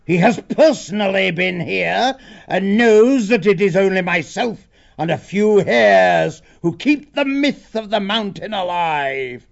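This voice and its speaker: A man voicing a huge, fierce old male badger lord who speaks slowly and gravely. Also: lively intonation, full character voice. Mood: stately. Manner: slow, booming and grave. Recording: dull lo-fi audiobook recording.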